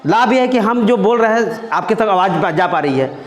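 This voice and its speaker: A male teacher leads a science lesson conversationally, repeating phrases and checking in with students by asking "है ना?" again and again. His high-pitched voice is expressive and his pace moderate, and the classroom echoes.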